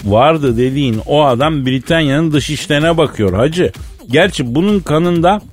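A man's voice: fairly high pitch, lively intonation, moderate pace, faint music behind. A man hosting a comedy radio sketch, joking in a wisecracking, mock-preachy way.

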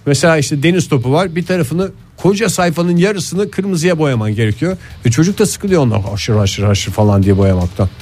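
A man's voice: on the high side, animated, normal speed, few pauses, darkish tone, faint music behind. A man hosting casual morning radio, telling stories in an easygoing way with dry teasing. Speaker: radio show host.

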